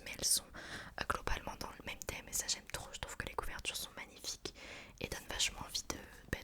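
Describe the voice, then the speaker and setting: A woman speaks entirely in a hushed library whisper, breathy and unvoiced. Her delivery is informal and chatty, in the style of an ASMR book review. The whisper stays soft throughout.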